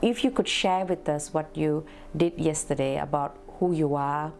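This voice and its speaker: A woman's voice: deep voice, steady tone, moderate pace, gravelly, a little mellow, a little hiss or hum. A woman hosting an interview, encouraging and chatty, often answering with short affirmations. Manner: encouraging, many short backchannel replies. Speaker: interviewer, travel show host. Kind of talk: casual interview.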